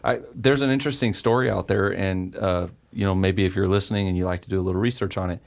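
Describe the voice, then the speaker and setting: A man's voice: deep voice, steady tone, fast, creaky. A man co-hosting a podcast, reacting in casual chat with short exclamations. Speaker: podcast co-host.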